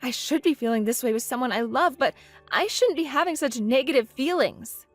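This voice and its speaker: A woman plays a wounded, indignant bride with a high voice, speaking in an upset, pleading way. The sound is dry and close, with faint music underneath in this text-message story. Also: lively intonation, a little fast, dry recording. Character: hurt, indignant young bride.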